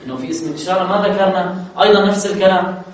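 A man's voice: high-pitched, rapid-fire. Man teaching grammar in an echoey hall. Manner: asks students questions and answers them; recites verses and Quranic readings. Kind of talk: classroom lesson explaining grammar verses. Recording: echoey room, distant mic, faint noise.

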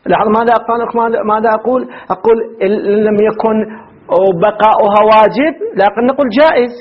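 A man's voice: high-pitched, fast talker, lo-fi sound. A man teaching a grammar lesson who asks his students questions and then answers them himself, often repeating and restarting his phrases. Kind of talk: grammar lecture.

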